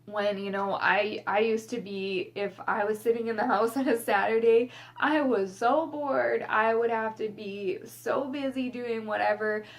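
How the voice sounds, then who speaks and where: A young adult woman talking to camera in a personal vlog, halting and tearful, often restarting her words. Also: on the high side, steady tone. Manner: halting, repeats words and restarts, near tears. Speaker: vlogger.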